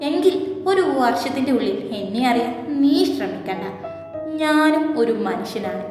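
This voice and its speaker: A woman voicing an indignant young wife, hurt and bitter, speaking in sharp, reproachful tones. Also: on the high side, close to an everyday voice. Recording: heavy echo, reverb, faint music.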